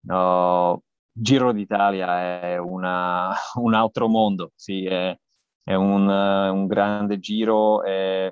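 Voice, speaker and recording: A man in his thirties with a Slovak accent, a non-native speaker searching haltingly for words as an interview guest on a video call. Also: low-pitched, flat delivery, clean tone, dry recording. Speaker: guest cycling journalist and podcaster. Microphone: earphone headset on a video call. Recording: dull, lo-fi video-call audio.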